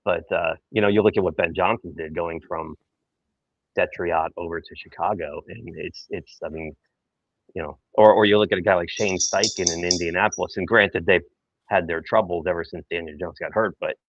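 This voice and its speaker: A man's voice: sits low, steady tone, normal speed, dry recording, muffled recording. A tired man in a hotel room, rambling through casual sports chat with a bag over his head. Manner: rambling, many fillers and restarts. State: tired, early morning. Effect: talking with a bag over his head. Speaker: podcast co-host.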